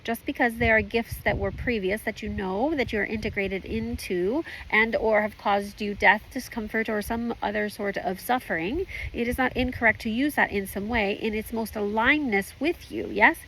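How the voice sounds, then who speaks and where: A woman voicing a calm, formal spirit guide as a seance medium, with creaky voice, stilted phrasing and questioning tags. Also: medium pitch, normal speed, hardly any pauses, a little hiss or hum, close to an everyday voice, low-quality recording. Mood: assured, guiding. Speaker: trance channeler at a group session. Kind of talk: trance channeling, spiritual guidance.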